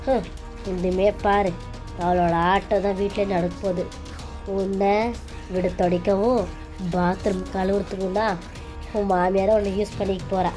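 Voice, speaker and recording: A woman's voice: mid-range voice, flat delivery, normal speed, pauses often, over music, natural voice. A woman voicing a spiteful, gossiping older woman in a cartoon serial, sneering at a daughter-in-law.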